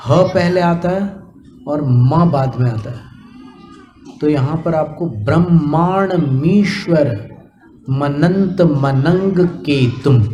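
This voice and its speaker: A man, a monk, teaching how to recite a Sanskrit hymn, chanting lines slowly and correcting pronunciation. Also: on the high side, warm tone, echoey room, a little hiss or hum. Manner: slow melodic chanting, then quick corrections. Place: temple hall.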